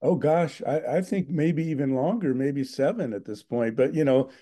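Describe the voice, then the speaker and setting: An older man talks in an interview with a very dark, mellow voice. He speaks in a thoughtful, earnest way, pausing on fillers as he gathers his words. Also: fairly high pitch. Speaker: guest filmmaker. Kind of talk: reflective interview talk.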